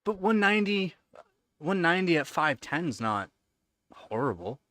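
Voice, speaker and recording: A livestream host in his thirties answers viewers' questions in a casual, rambling chat full of fillers and repeated words. His voice is on the high side, sing-song and a little slow, with a slightly bright tone and no echo.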